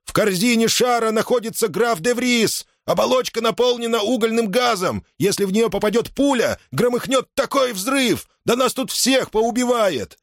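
A male narrator voicing an alarmed male sentry who shouts a scolding warning in a spoken story. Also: extremely high pitch, animated, normal speed, hardly any pauses, no room sound, studio quality, pitched above the performer's own voice.

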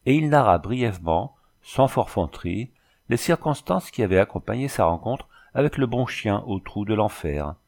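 A man narrating a novel aloud in a measured, even storytelling manner. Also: on the low side. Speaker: audiobook narrator. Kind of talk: scripted narration.

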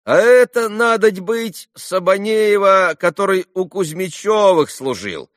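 A man's voice: high voice, lively intonation, a little slow, dry recording, studio quality, voice pushed up. A man voicing a chatty peasant market woman guessing at a name, in a storybook reading. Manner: folksy, chatty.

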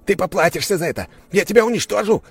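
A man's voice: sits high, lively intonation, fast talker, vocal fry, slightly rough, no echo, soft background music, voice pushed up, exaggerated voice. A man voicing an arrogant, hysterical male aristocrat who screams and stammers in accusation. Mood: shrieking rage.

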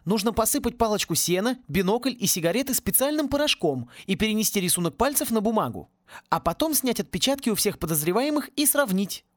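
A man reading an audiobook and voicing an eager, hurried young schoolboy wizard. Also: high voice, sing-song, dry recording, studio quality, voice pushed up.

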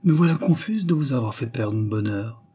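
A man reading an audiobook, voicing a lively young woman with a raised, bright tone. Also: mid-range voice, a little fast, breathy edge. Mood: apologetic. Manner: bright, lifted tone.

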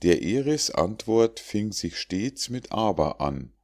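Tiefe, langsame Männerstimme liest Versfabeln. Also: male voice, fairly low pitch, very animated, a little mellow. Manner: measured, declamatory verse reading. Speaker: audiobook narrator. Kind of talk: scripted narration of rhymed fables.

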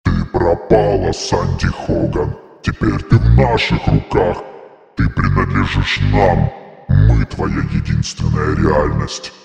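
A man voicing a cruel, gloating spider-like demon with a deep, growling, devilish voice, under a demonic reverb effect. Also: very animated, slow pace, vocal fry, darkish tone, faint music behind, exaggerated voice. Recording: long echoing reverb effect.

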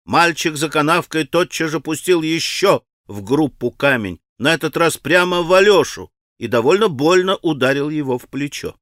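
A man narrating a classic novel as an audiobook, with expressive, measured storytelling. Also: a little high, no echo. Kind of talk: scripted narration. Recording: dry studio recording.

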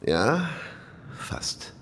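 An actor playing a cold, authoritative government minister in an audio drama, stern and clipped. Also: male voice, expressive, moderate pace. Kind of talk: German audio drama acting. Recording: long hall reverb, faint rumbling noise.

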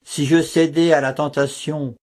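A man's voice: on the high side, level tone, darkish tone, close to an everyday voice. A man reading a grave, torn monk prior. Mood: earnest. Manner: grave, measured, earnest.

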